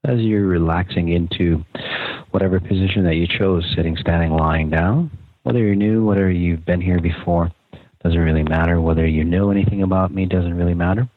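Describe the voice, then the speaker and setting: A man leading a guided meditation podcast in a calm, casual, unscripted way, with pauses between short phrases. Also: low-pitched, no room sound. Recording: muffled, phone-like narrow sound.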